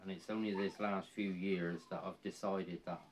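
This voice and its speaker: An older Cornish man in his sixties with a deep, low voice. He talks casually, as an interviewee does, in a halting way that circles back and repeats phrases. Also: steady tone. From Cornwall, England. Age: 60s. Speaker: interviewee, volunteer woodland ranger.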